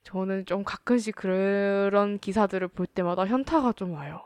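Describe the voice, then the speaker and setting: A woman's voice: medium pitch, moderate pace, darkish tone, clean tone, no echo. A woman from South Korea hosting a casual group discussion, self-deprecating and sometimes searching for words. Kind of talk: casual panel chat.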